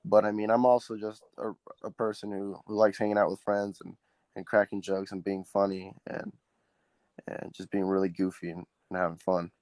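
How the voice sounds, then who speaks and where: A teenage male quarterback from Southern California, a native Spanish speaker, is a guest answering interview questions. He speaks earnestly at a normal pace, with a lowish, darkish, flat voice and lots of ums and restarts. The recording is dry.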